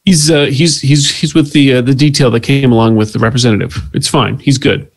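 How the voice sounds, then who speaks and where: A man playing a tabletop role-playing game, speaking in character in a pushy, interrogating way with halting restarts. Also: medium pitch, fairly even intonation, dry recording. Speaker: player.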